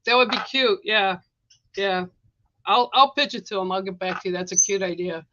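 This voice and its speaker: A woman's voice: medium pitch, normal speed. A woman on a spirituality livestream telling a story in casual chat, acting out the voices of the people in it. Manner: animated storyteller, acts out quoted voices. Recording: dull lo-fi livestream audio.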